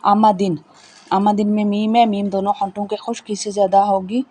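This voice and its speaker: A woman's voice: mid-range voice, level tone, mellow, breathy edge. Patient woman teaching Quran letter sounds. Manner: slow, patient, repeats each point. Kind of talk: Tajweed lesson, spelling out letters and explaining pronunciation.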